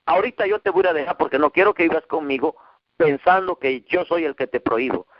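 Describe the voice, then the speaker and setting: A man from Mexico preaching a heartfelt testimony, his voice sitting fairly high and swinging higher still when he quotes others. The sound is dry and dull, like an old radio broadcast. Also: quick pace, dry recording. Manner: emotional storytelling, quoting dialogue with rising pitch. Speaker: pastor. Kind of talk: testimony sermon.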